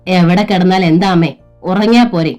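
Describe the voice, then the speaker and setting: A wronged young mother in a storybook family drama, speaking low and firm, holding her ground, as a woman reader gives her voice. the voice is on the low side, with soft music faintly in the background. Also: moderate pace, lightly acted. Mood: defiant. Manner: quiet, firm.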